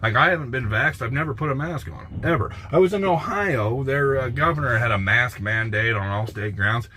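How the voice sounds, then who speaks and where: A man's voice: medium pitch, animated, moderate pace, pushed and bright, a little hiss or hum. An American man, a truck driver, chatting casually on a phone livestream from his truck cab, blunt, profane and rambling with lots of restarts. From United States.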